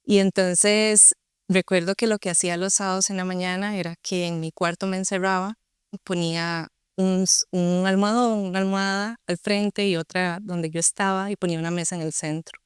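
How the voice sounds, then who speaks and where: A woman's voice: lowish voice, steady tone, normal speed, clean tone, no room sound, studio quality. A young woman with a Costa Rican accent, earnestly telling her personal story as an interview guest. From Costa Rica. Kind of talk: personal testimony.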